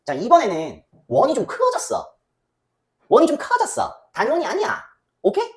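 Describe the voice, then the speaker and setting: In a casual math lecture, a woman whose voice sits high and swoops wildly in pitch talks at a normal speed. She's chatty, checks in with the students often, and answers on their behalf by voicing their replies.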